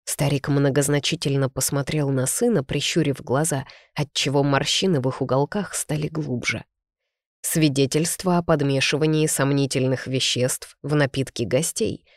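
An audiobook reader tells a first-person novel at an even, unhurried pace in a mid-pitched voice. The delivery is steady and scripted. The recording is dry and close to the mic. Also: no echo. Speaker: audiobook narrator.

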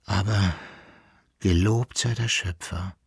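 A man voicing a young woman waking from a recurring dream, speaking in a soft whisper, a whispered role-play in a radio reading. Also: sits low, fairly even intonation, slow, gravelly, breathy edge, no echo, clean studio sound, exaggerated voice. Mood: dreamy.

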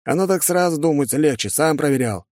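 A man voicing an easygoing young nobleman who talks calmly and offhandedly on the phone. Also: fairly high pitch, a little fast, dry recording, studio quality, voice pushed up, natural voice. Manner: calm, offhand, casual. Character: easygoing young nobleman friend, calm, laconic.

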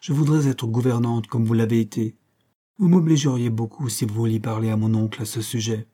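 Guy doing a shy sad young woman, slow, wistful, mellow tone. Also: mid-range voice, steady tone, natural voice. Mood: pleading. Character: timid melancholy young woman.

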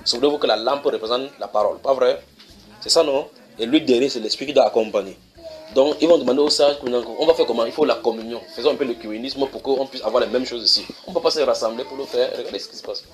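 A man preaching in a church, reading scripture verses slowly and then explaining them, often asking his listeners whether they follow. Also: mid-range voice, crowd noise. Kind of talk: sermon teaching.

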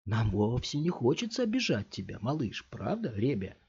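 A man's voice: medium pitch, wildly swooping pitch, normal speed, a little mellow, a little hiss or hum. A man voicing a young male street thug in a cap, a mocking and menacing bully. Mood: taunting. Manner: mocking, snarling, barked threats. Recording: dull lo-fi audiobook recording.

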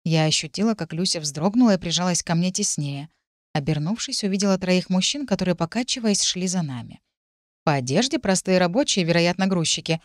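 Woman narrating an audiobook, low and dry. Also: dry recording. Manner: even, measured reading. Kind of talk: first-person audiobook narration.

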